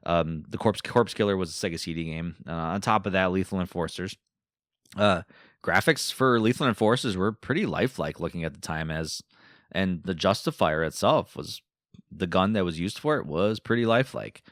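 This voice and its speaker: The host of this casual solo podcast is a man with a low but fairly bright voice and an Eastern European accent. Recorded in a studio without echo, he rambles loosely, dropping in fillers and tangents.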